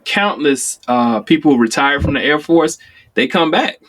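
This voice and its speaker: A man in his forties from Chicago, telling stories in casual conversation, acting out quoted lines with sudden jumps in pitch. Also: moderate pace. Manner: animated storyteller, acts out quotes with sudden high pitch jumps. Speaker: guest.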